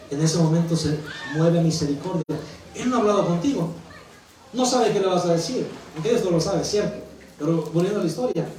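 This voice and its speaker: High-voiced male pastor in an echoey hall. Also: a little mellow, recorded from a distance, slight background noise. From Mexico. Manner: preaching with rising emphatic bursts and rhetorical questions. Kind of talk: sermon.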